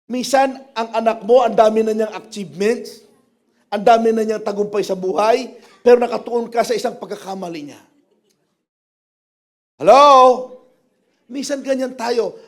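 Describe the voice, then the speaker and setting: A man with a Filipino accent preaching a sermon in church as pastor, switching between Tagalog and English and rising to loud emphasis. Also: high voice, normal speed, pauses often. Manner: mixes English phrases into Tagalog, animated, rises to loud emphasis.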